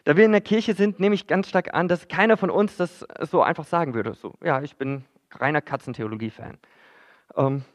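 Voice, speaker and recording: A man's voice: high-pitched, very animated, fairly quick, few pauses. A man preaching a sermon in church, in a conversational way that addresses the listeners directly, with frequent fillers.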